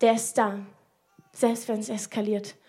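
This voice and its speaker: A woman's voice: medium pitch, level tone, a little slow, warm tone, slightly rough. A woman preaching a sermon, earnest and personal, asking searching questions and speaking directly to the listener.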